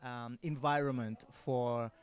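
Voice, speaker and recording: A man's voice: medium pitch, fairly even intonation, takes it slowly, clean tone. A man hosting a casual, joking interview as a stand-up comedian, irreverent and sweary. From Mallorca, Spain.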